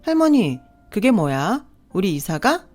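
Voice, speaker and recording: A woman voicing a hurt, defiant young girl in a dramatized story reading, pleading and shouting back. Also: mid-range voice, very animated, unhurried, faint music behind. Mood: confused.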